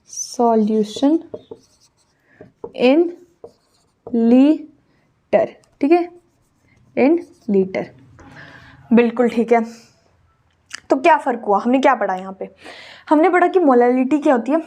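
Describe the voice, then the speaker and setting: A young woman teaching a chemistry lesson, repeating key terms slowly as she writes them out. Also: high-pitched, a little mellow. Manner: slow, repeats key terms while writing. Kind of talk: classroom lecture, Hindi-English mix.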